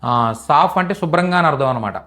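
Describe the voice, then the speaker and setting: A man's voice: on the high side, animated, a little fast, bright, forceful tone. A man teaching in a live online language class, repeating each phrase patiently for students. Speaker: Hindi teacher.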